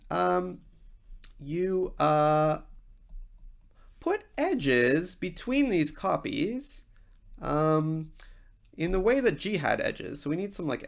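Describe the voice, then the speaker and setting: A university lecturer explains technical material informally, thinking aloud as they go. The voice sits at a middling pitch, with animated intonation and frequent vocal fry.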